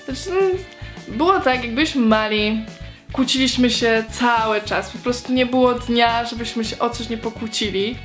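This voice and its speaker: A woman's voice: on the high side, moderate pace, a bit bright, soft background music. A young woman answering viewer questions in a casual vlog, chatty and hesitant, with many fillers and restarts.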